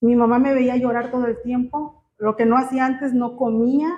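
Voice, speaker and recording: A woman gives a personal church testimony, speaking in a halting, emotional way with many fillers. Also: on the high side, level tone, mellow. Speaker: church member giving testimony. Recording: muffled, slightly noisy.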